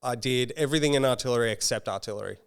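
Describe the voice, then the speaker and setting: An Australian man around forty, chatting easily as a podcast guest with a quick laugh. His voice comes through exceptionally clean and crisp, at an ordinary pitch for a man. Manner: relaxed and chatty, laughs often. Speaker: guest, startup founder and former army officer. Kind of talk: casual podcast interview.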